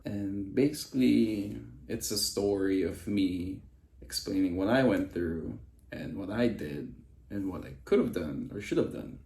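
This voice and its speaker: A man's voice: on the low side, creaky, warm tone. A man vlogging casually from a quarantine room, talking offhand and frank and swearing now and then. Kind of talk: casual vlog monologue. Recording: echoey room, faint background noise.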